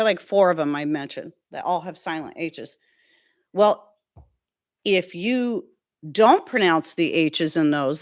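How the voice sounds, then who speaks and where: A woman's voice: mid-range voice, a bit bright. A woman with a Southern US accent, hosting a live stream in a casual, sassy and emphatic way. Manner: sassy and emphatic, laughs often.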